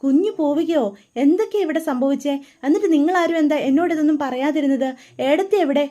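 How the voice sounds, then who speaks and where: A woman's voice: high-pitched, quick pace, warm tone, natural voice. A woman voicing an affectionate young woman just back home, who asks eager questions one after another. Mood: upset.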